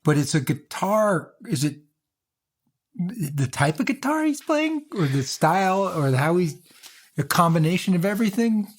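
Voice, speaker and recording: A man's voice: sits high, very animated, unhurried. A man hosting an interview, asking curious, searching questions about music. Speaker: interviewer host.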